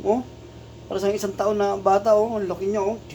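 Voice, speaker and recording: A woman's voice: medium pitch, flat delivery, brisk, dark tone. A woman talking fondly to her cat at home in doting, coaxing baby talk. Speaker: pet owner filming her cat. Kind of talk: casual talk to a pet. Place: at home indoors. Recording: dull lo-fi home video with faint noise.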